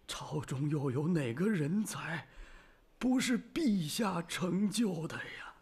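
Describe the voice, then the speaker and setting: A husky dying old general. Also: male voice, on the high side, lively intonation, slow, a little mellow, full character voice. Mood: pleading. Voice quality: husky, weak, breaking into whispers. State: frail and dying. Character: dying loyal old general, humble and pleading. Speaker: general addressing his emperor. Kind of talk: historical TV drama acting.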